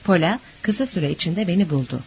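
A narrator reading a first-person memoir aloud in a measured, reflective way. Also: medium pitch, expressive, creaky, slightly rough. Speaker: audiobook narrator.

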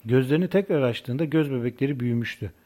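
A man calmly narrating a first-person novel for an audiobook. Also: mid-range voice, fast.

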